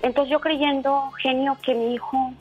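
Woman caller, 40s, slightly high voice, earnest and halting with lots of restarts, dull lo-fi radio line. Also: fairly even intonation, soft background music. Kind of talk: emotional personal story on a call-in show.

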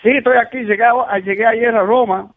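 High-voiced man on a phone line. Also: steady tone, fairly quick. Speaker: caller to a radio show. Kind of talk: casual travel chat. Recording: band-limited phone call to radio.

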